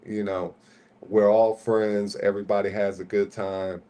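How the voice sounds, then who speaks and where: On a casual livestream, a regular panelist speaks in a lowish, warm voice with a level tone and an unhurried pace. He was born in Puerto Rico, grew up in Newark, New Jersey, and sounds laid-back, dropping plenty of "you know" fillers.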